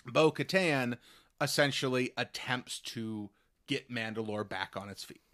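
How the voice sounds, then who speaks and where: A man's voice: mid-range voice, measured pace, a bit bright. A man in casual podcast chat, recapping events plainly and adding frequent short agreements.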